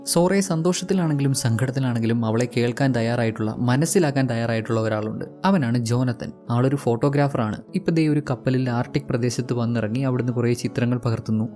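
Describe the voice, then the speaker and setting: A man retells a movie plot in a casual, chatty storytelling style, dropping wry asides along the way. He talks very fast with a dark, mellow voice. Faint music plays beneath him. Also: medium pitch. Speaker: film recap narrator.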